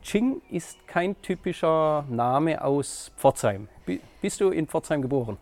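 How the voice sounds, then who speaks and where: A man presenting a local culture podcast in a friendly, measured way, then interviewing people on the street. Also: a little high, sing-song, darkish tone. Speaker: podcast reporter.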